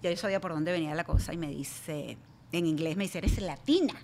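A woman's voice: sits low, quick pace, vocal fry, darkish tone. Woman, Venezuelan accent, podcast guest, storytelling, faint background noise. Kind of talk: casual chat.

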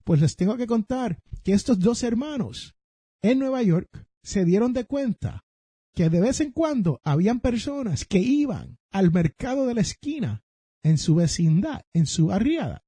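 Animated Puerto Rican man with a high voice. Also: unhurried, slightly rough, no echo. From Puerto Rico. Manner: animated storytelling, addresses listeners directly. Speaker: podcast host. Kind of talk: personal finance talk.

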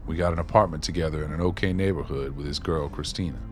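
Speaking at a quick pace, this man has a very deep voice, and faint music sits behind him. He plays a streetwise former maintenance man with a wry edge, swapping folksy, colloquial stories as he reminisces in a radio play.

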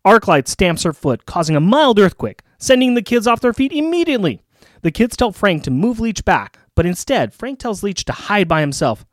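A male co-host reads a scripted comic recap. He tells it playfully with animated, varied intonation. The sound is dry and close. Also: high voice, normal speed, no echo. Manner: playful storytelling. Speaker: podcast co-host.

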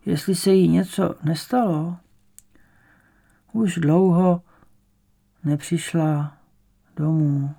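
A male narrator voicing a frail, bedridden old grandmother who speaks slowly and weakly, resigned to everything. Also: lowish voice, vocal fry, dark tone. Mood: weak, plaintive. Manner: slow, weak, plaintive.

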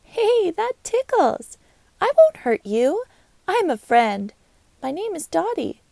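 Storybook ladybug girl, high squeaky and bubbly, lively swoops, played by a woman. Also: slow, vocal fry, no room sound, full character voice. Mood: friendly. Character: cheerful young female ladybug, curious and sweet.

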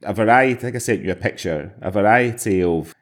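Low-voiced man chatting casually. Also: quick pace. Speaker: podcast co-host. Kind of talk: casual chat, personal anecdote.

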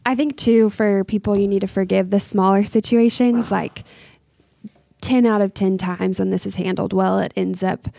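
A woman on a podcast, speaking in a measured, earnest way as she gives gentle advice in a reflective faith discussion. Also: medium pitch, steady tone, gravelly, no echo, studio quality. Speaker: podcast co-host, university staff.

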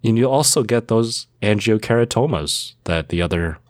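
A man's voice: on the low side, animated, normal speed, no room sound, clean studio sound. A man co-hosting a casual educational podcast, walking through medical facts with playful mnemonics. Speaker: podcast co-host.

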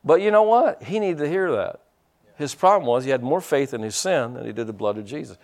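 A middle-aged pastor preaches a sermon in a fervent, halting way, repeating words and building to loud, emphatic peaks. His voice is medium-pitched and animated.

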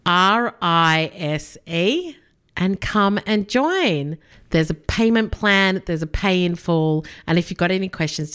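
A woman with an Australian accent hosts her solo podcast, chatting upbeat and directly to the listener. Her voice sits on the low side with a clean tone, though illness makes it a little nasal.

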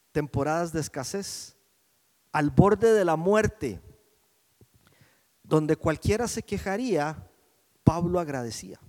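A man preaching a sermon, rising to loud emphatic lines and dropping to hushed prayerful words, often asking his listeners "right?". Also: high voice, long reverb tail. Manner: preaching with swells of volume and hushed prayerful drops; checks in with the audience with frequent "¿sí?". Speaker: pastor.

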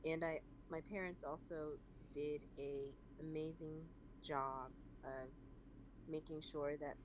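A young adult speaker with an American accent, chatting freely as an interview guest and filling pauses with "um" and "like". The voice sits at a middle pitch, and the recording carries a clear layer of background noise. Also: level tone. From born in China, raised in San Francisco. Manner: chatty, many fillers like "um" and "like". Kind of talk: casual interview conversation. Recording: noisy recording.

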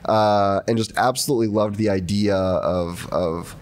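A man who grew up in Argentina, talking as a podcast guest in a thoughtful, relaxed way with many fillers and restarts. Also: on the low side, measured pace. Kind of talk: casual conversation.

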